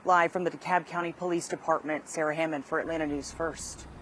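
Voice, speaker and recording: A woman's voice: low voice, steady tone, fairly quick, fairly bright tone. A woman delivering a scripted live news report as a field reporter. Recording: light outdoor traffic noise.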